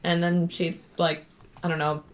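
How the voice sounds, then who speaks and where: A woman's voice: fairly low pitch, flat delivery, unhurried. Woman chatting at a tabletop game. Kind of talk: casual chat at a game table.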